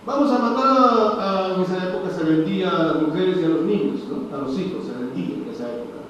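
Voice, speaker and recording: A man's voice: high-pitched, lively intonation, a little fast, a bit bright, a little hiss or hum. A male preacher giving a sermon, telling a story and asking the listeners questions as he goes. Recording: distant echoey hall, dull sound.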